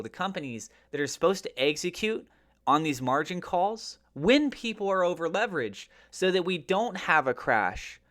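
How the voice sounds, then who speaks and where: Pitched fairly high and a little bright, the man's voice carries a relaxed market rundown for viewers of his finance and crypto channel. His delivery is colloquial and forceful, punctuated by pointed rhetorical questions.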